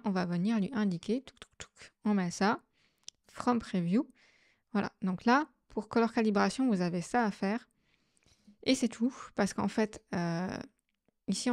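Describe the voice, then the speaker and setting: A woman hosting a software tutorial, explaining each step casually with frequent fillers. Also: mid-range voice, no echo, studio quality. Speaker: astrophotography tutorial host. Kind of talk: screen-recorded software tutorial.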